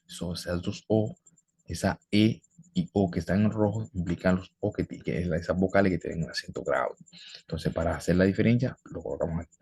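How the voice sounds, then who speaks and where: A man with a low, gravelly voice that has a husky edge teaches a language lesson. He explains each grammar rule step by step and repeats the example words slowly so they sink in. The sound is close and dry, with no room echo. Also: a little mellow. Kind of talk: classroom-style explanation.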